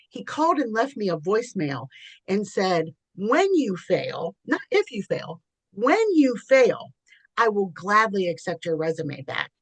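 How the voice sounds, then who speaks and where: A woman's voice: mid-range voice, fairly bright tone, no echo, rough recording. A woman co-hosting a podcast, telling a personal story in candid casual chat, often laughing. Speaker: podcast co-host.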